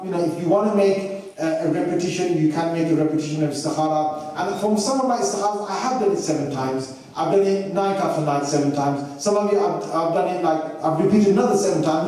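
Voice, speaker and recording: A man's voice: high-pitched, mellow, far from the mic. A man giving a religious lecture with anecdotes, telling stories and acting out the dialogue with self-deprecating asides. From Britain. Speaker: Islamic lecturer. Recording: echoey hall from off mic.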